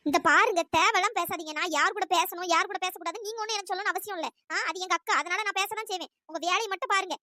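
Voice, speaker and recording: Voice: extremely high pitch, rapid-fire, few pauses, pushed and bright, no echo, studio quality, heavily acted. A performer voicing a defiant young woman in a cartoon story who snaps back indignantly.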